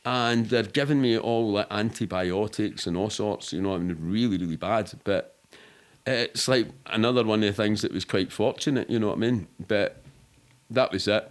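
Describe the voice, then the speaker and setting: A middle-aged Scottish man appears as a podcast guest, casually telling stories in a rambling, matter-of-fact way with plenty of swearing. His voice is lowish and moves at a normal speed.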